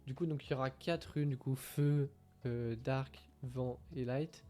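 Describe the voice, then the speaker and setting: Steady and mellow in tone, this mid-range male voice moves at a measured pace. A gaming streamer, he reads translated patch notes aloud in a casual, hesitant way, heavy on fillers, and says English isn't his strength.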